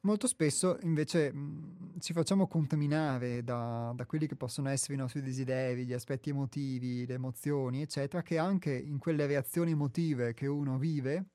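An Italian man speaks in a calm, explanatory way, often circling back and restarting his phrases as he reads and comments. His voice is mellow and somewhat dark, recorded close and dry with no room sound. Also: mid-range voice, no room sound. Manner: measured, explanatory, with frequent restarts and fillers. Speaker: host reading and commenting a spiritual text. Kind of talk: reflective radio talk with reading.

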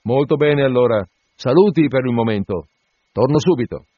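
Brash sailor bellowing jokes, as a male reader puts him on, pitched high and bouncy, dull lo-fi sound. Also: expressive, normal speed, no echo, close to an everyday voice. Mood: mocking, jovial. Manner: loud, teasing, shouted banter. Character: brash jovial sailor mate, loud and mocking. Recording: dull lo-fi dry recording.

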